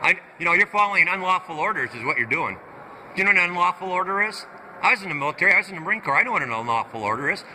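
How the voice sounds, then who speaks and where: A protesting man arguing combatively with an officer, shouting and lecturing. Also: high-pitched, animated, rapid-fire, slight background noise, rough recording. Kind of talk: heated argument. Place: large capitol rotunda.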